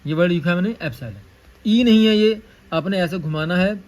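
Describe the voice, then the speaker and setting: High-voiced man teaching a lesson. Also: low-quality recording. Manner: repeats key terms, slow dictation of formulas. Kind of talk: classroom lecture on engineering.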